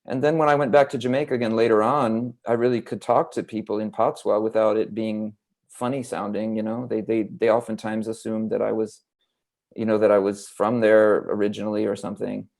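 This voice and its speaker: Low-voiced American man telling stories. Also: level tone, fairly quick, creaky, darkish tone. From Los Angeles, United States. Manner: rambling, reflective storytelling. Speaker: guest author. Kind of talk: casual interview chat.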